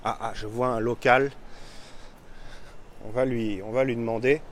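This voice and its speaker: A man's voice: medium pitch, fairly even intonation, moderate pace. Chatty self-mocking man vlogging outdoors. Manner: chatty, self-mocking, many fillers and restarts. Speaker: vlogger showing a town on a live stream. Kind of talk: casual live vlog. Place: outdoors on a town street. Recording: faint street noise outdoors.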